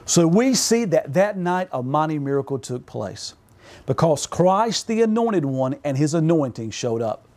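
A pastor in his forties preaches into a close camera from a small home office. His voice sits high for a man, and he drives the sermon with fervent emphasis and repeated calls for an amen. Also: big pitch swings, measured pace, darkish tone. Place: home office with purple lighting.

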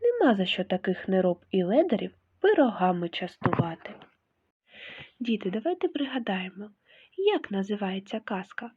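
Teacher lady reading a fairy tale to little kids, lively sing-song voice, kinda husky, tinny phone sound. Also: mid-range voice, normal speed. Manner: expressive storytelling.

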